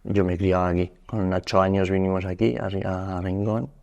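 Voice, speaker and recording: A man in his fifties from Spain, a podcast guest telling his life story, speaking haltingly and often restarting his sentences. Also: deep voice, little pitch movement, gravelly, darkish tone, dull audio. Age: 50s. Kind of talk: personal storytelling interview.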